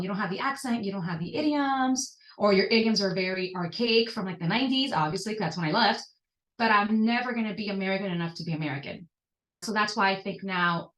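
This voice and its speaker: A woman's voice: mid-range voice, a bit bright, roomy sound, recorded from a distance, rough recording. A woman in her thirties from Venezuela with a Venezuelan Spanish accent, telling her personal story earnestly as a podcast guest. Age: 30s.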